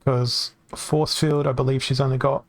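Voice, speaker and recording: In a recording with no room sound, a man of medium pitch speaks flatly at a moderate pace. He's casually commentating his card game stream from home into a desk microphone, thinking out loud and self-correcting, his voice fatigued from talking for hours.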